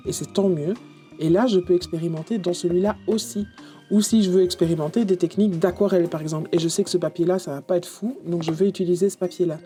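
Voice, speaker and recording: A woman talks casually about her journals and sketchbooks, chatty and self-mocking, with lots of restarts and fillers. Her voice is mellow and warm. Soft music plays faintly behind her. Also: on the low side. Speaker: journaling vlogger.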